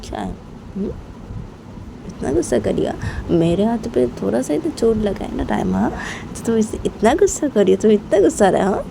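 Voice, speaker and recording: A woman voicing a gentle, timid young woman who softly pleads with her angry lover. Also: lowish voice, steady tone, normal speed, gravelly, background noise. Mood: soft pleading. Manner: soft, pleading, hesitant. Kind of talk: storytelling role-play.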